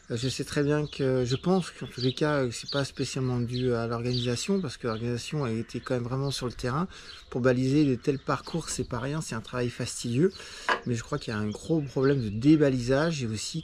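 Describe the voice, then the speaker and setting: A man's voice: mid-range voice, darkish tone, a little hiss or hum. A man talking casually in a vlog after a trail race, rambling with lots of fillers, recorded outdoors on a handheld camera. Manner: chatty, rambling with many fillers. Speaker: trail runner vlogger.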